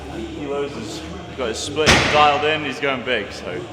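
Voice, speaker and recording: A man's voice: fairly high pitch, normal speed, very noisy. A man hosting a casual vlog in a chatty, joking manner. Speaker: vlog host.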